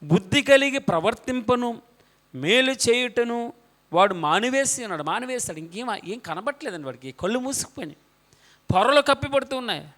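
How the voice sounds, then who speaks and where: Man pastor, very high voice, rhythmic call-and-response sermon delivery. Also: lively intonation, brisk, a bit bright. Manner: preaches in repetitive rhythmic phrases, asks listeners questions. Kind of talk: sermon with responsive scripture reading.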